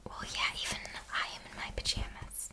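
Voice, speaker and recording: A woman doing a whispered role-play as a doting caregiver at bedtime, speaking tenderly and reassuringly in a breathy whisper. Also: pushed and bright. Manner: slow, tender, reassuring personal attention. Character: doting, soothing caregiver tucking someone in at bedtime. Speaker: ASMR host playing a caring bedtime companion.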